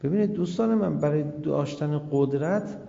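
A man preaching a religious sermon as a story, acting out quoted voices and swinging between loud and hushed. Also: a little high, vocal fry. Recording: dull lo-fi recording with long hall reverb.

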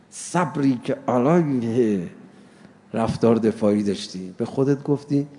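A man giving a sermon to an audience, animated, acting out little dialogues with mocking humor. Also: medium pitch. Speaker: religious lecturer.

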